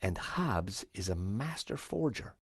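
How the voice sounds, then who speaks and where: An actor playing a wry, curious American amateur sleuth in a video game, talking conversationally. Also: male voice, fairly low pitch, very animated, measured pace, slightly rough, no echo, clean studio sound, heavily acted. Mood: intrigued.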